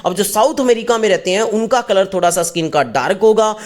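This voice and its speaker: A man's voice: high voice, brisk. A male teacher giving a casual exam-prep lecture, asking and answering his own questions as he goes. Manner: mixes English terms into Hindi speech.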